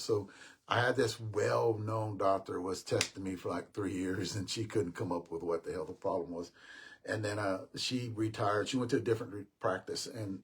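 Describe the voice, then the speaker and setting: A man's voice: fairly low pitch, husky. An older man hosting a casual live stream, telling a long rambling story with restarts and talking to his viewers as guys. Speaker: host.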